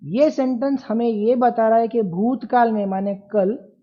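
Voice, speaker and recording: Woman teacher, high-ish voice, very slow and deliberate, repeats examples and quizzes the class; dull lo-fi recording. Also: steady tone. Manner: repeats example sentences slowly and emphatically, asks students questions. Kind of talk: classroom grammar lesson.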